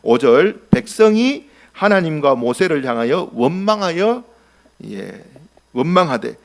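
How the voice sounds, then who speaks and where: A male pastor preaching a sermon, animated, acting out scenes and asking the congregation questions. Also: a little high, a little slow, creaky.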